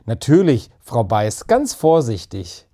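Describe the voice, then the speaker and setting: A man's voice: mid-range voice, expressive, normal speed, mellow, lightly acted. A man doing a skeptical, careful schoolboy. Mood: eager. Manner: dry, sensible.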